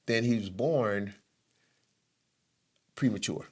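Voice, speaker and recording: A man's voice: slow, slightly rough. Middle-aged man telling an emotional story. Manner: emotional, rises in pitch when retelling intense moments. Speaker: co-host. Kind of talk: personal storytelling.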